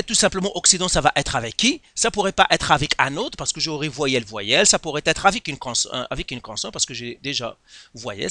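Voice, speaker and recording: Lively, bright-voiced teacher. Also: male voice, on the high side, no room sound. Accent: Quebec French. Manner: explains step by step, with many rhetorical questions. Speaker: chemistry teacher. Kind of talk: lesson explaining a worked exercise.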